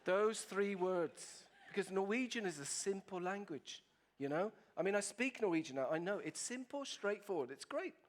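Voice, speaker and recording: Speaker with an Italian accent, higher male voice, playful and teasing with the crowd, keynote delivery. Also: lively intonation, normal speed. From Italy. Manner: playful, asks the audience questions. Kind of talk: humorous presentation to an audience.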